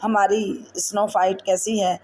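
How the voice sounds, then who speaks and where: A woman's voice: medium pitch, flat delivery, dark tone, a little hiss or hum, natural voice. A woman reading the lines of a tired, affectionate young husband who is a doctor, in a playful way. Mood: teasing.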